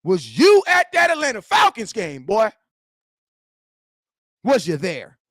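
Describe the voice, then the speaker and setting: A man's voice: high voice, takes it slowly, no room sound, clean studio sound. Fired-up 40-year-old man ranting to chat. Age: 40s. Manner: animated, slangy trash talk, shouts at chat. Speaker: sports fan streamer. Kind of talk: live chat-reading rant.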